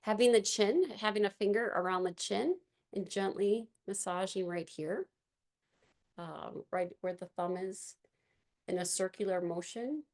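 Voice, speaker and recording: With a raspy, lowish voice, a woman talks a class through gentle movement and meditation. She speaks softly, takes her time, and leans on fillers.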